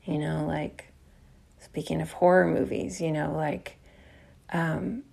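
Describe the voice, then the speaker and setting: Woman, podcast host, casual reflective monologue, rambling with fillers, says y'all, very slow, gravelly fry. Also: low-pitched, level tone, mellow. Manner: chatty, addresses listeners as y'all.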